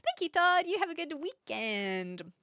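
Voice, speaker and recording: A woman from Hamilton, New Zealand, with a mild Kiwi accent, chats casually with livestream viewers, reading and answering their comments in a playful, self-deprecating way. Her voice sits high and is very animated, unhurried and a little bright. The recording is dry and studio-clean.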